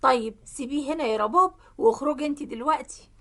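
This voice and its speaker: A woman voicing a kindly, gullible middle-aged male company boss, speaking slow and indulgent with an Egyptian Arabic accent. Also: sits high, a bit bright.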